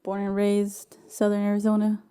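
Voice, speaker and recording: A nineteen-year-old young woman chatting casually on a podcast, bubbly and quick to laugh. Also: medium pitch, monotone, dark tone, clean tone. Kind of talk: casual group podcast chat.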